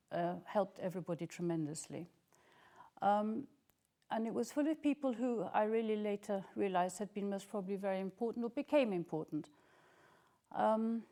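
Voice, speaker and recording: An older woman telling childhood memories in an interview, enthusiastic and full of "um"s. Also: medium pitch. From Scotland. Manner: warm, enthusiastic storytelling with frequent "um"s. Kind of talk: reminiscing interview.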